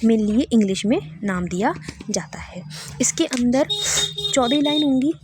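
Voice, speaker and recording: A woman's voice: on the high side, animated, moderate pace, a little mellow, a little hiss or hum. Woman teaching a literature lesson. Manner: checks in with listeners often, repeats key terms.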